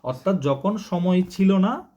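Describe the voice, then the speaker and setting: Higher-pitched man teaching math. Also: lively intonation, a little slow, a little mellow, dull audio. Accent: Bangladeshi Bengali. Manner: repetitive, asks the class and answers himself. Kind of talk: recorded math lecture.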